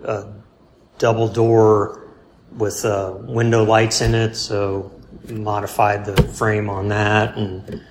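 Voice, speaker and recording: A man in a casual interview, rambling and halting, with many fillers and restarts, laid-back and self-deprecating. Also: on the low side, flat delivery. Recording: roomy with faint background hum.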